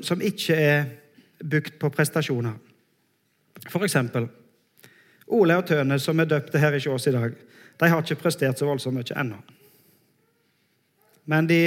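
A male preacher delivers a sermon in a church, his voice sitting fairly high. He talks earnestly and with emphasis, slowing on the phrases he wants to land.

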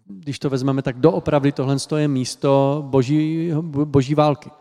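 A man's voice: medium pitch, fairly even intonation, a little slow, dark tone. A man interpreting a sermon live, hesitant, with frequent fillers and self-corrections. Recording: long reverb of a hall.

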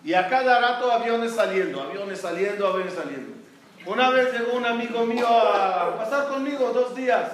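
A man's voice: very high-pitched, lively intonation, normal speed. A man from Israel, a rabbi giving a talk, who asks his listeners questions and answers them himself. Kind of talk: Torah talk to an audience. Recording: echoey room, distant mic, faint noise.

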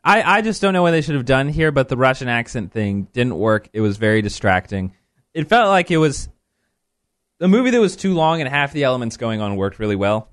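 Brief: male host, animated rambling movie chatter, mid pitch. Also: fairly quick. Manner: lively, rambling, self-correcting. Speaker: podcast host. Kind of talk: casual film review chat.

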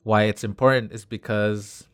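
A man's voice: on the low side, fairly even intonation, moderate pace, clean tone, dry recording, clean studio sound. A man from Canada co-hosting a casual chat, explaining his views at length with frequent fillers. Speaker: podcast co-host.

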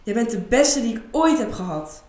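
A woman's voice: a little high, expressive, moderate pace, a little mellow, lightly acted. Woman voicing insistent late-forties man, murmuring, reverberant room. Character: tender but demanding man in his late forties.

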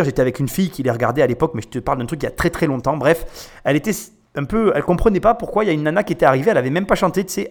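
A man giving casual, emphatic commentary as host while reacting to a business pitch. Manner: chatty, informal, emphatic.

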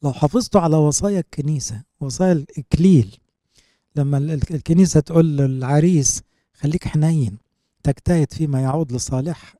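An Egyptian-accented priest teaches from scripture, quoting a verse and then unpacking it in plain colloquial talk. His voice sits a little high for a man yet sounds very dark and mellow. The recording is close and dry, with no room sound. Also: dry recording. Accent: Egyptian Arabic. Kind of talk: Bible commentary sermon.

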